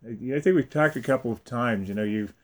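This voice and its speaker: A man's voice: mid-range voice, a little fast. A man hosting a casual interview, feeling his way into questions with repeated words. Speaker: interviewer, host.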